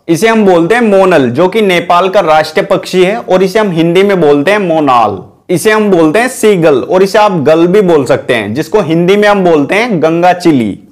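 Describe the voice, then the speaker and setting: A man teaching English vocabulary to viewers in a chatty way, often calling them guys and correcting himself as he goes. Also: sits high. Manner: chatty, keeps saying "guys"; corrects himself mid-lesson.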